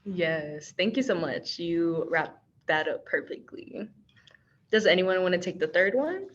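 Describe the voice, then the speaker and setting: Through dull, lo-fi video call audio, a Texan woman runs an online training session, informal, chatty and playful. She works as a workshop trainer and as her organization's communications coordinator, and her lowish voice is animated and a little slow.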